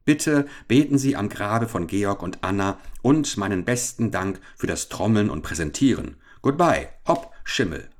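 A man voicing a bold, cheeky young adventurer who speaks coolly and briskly. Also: on the low side, animated.

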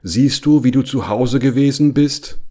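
A man's voice: medium pitch, unhurried, warm tone, pitched above the performer's own voice, close to an everyday voice. A man voicing a plump, sly older male bear who coaxes and then sulks, in a children's storybook reading. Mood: coaxing. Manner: coaxing, later sulky and spiteful.

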